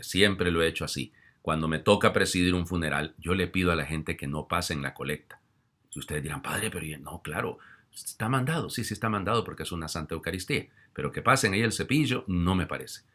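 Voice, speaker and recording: Deep-voiced, bright-toned preaching priest. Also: male voice, a little fast. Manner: conversational preaching with frequent asides and rhetorical questions; swings between loud emphatic exhortation and soft confiding tones. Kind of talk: homily.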